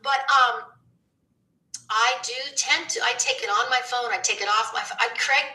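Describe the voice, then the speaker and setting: A middle-aged woman, a former radio DJ, talking as a guest in a rambling, animated way, acting out what people said to her. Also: a little high, normal speed, rough recording. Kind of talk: reflective conversational chat.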